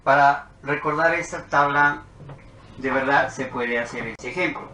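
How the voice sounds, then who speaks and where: In an echoey room with a little noise, a man teaches logic at a measured pace, his medium-pitched voice pushed and bright. He's a math teacher, talking through truth tables step by step as he writes.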